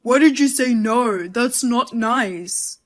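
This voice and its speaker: An idle, touchy husband, voiced by a woman with a somewhat high voice. He answers in a defensive, snapping way. This is a narrated storybook drama. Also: takes it slowly, fairly bright tone. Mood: irritated.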